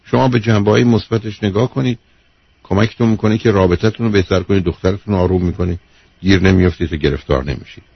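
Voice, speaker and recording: Husky man lecturing emphatically on radio. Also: deep voice, no room sound. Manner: emphatic, lecturing, repeats key points, calls the caller "dear". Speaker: radio advice host, a doctor. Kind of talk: call-in radio counselling. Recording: dull lo-fi radio broadcast.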